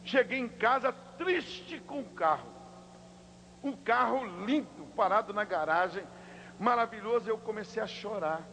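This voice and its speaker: A Brazilian pastor with a high voice preaches to his congregation. He tells his story with drama and acts out each person's lines himself. His voice rings with the long reverb of a large church hall, with a faint hum underneath. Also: lively intonation, unhurried, pushed and bright. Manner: dramatic storyteller acting out dialogue. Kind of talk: sermon.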